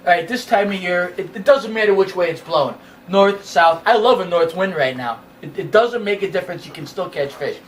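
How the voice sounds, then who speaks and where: A man co-hosts a fishing show and talks casually. He hands out plain advice and drops dry jokes along the way. His voice sits high, and it is heard from a distance over light noise. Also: animated, fairly quick. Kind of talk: casual chat. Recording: picked up from a distance, faint background noise.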